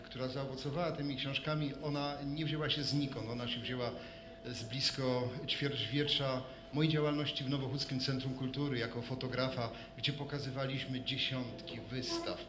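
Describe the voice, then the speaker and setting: A man's voice: medium pitch, fairly even intonation, moderate pace. A middle-aged or older man giving a reflective, storytelling acceptance speech. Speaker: award laureate, photographer. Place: hall at a public ceremony. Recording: echoey hall with clear noise.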